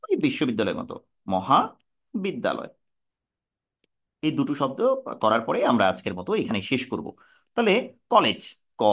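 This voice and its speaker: A man with a Bangladeshi Bengali accent teaching a lesson, breaking words into syllables slowly and answering his own questions. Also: mid-range voice.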